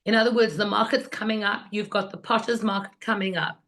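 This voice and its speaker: A woman with laryngitis, her voice hoarse and rusty as if unused, gives an informal, enthusiastic and instructive workshop. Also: medium pitch, fairly even intonation, fairly quick, fairly bright tone. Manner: enthusiastic, instructive, repeats 'in other words'. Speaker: guest teacher of market selling.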